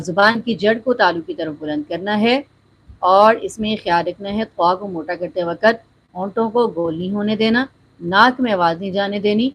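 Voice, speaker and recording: A woman's voice: medium pitch, low-quality recording. Woman teaching careful recitation. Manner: explains pronunciation, then demonstrates slow drawn-out recitation; keeps checking in with the listener. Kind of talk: step-by-step recitation lesson.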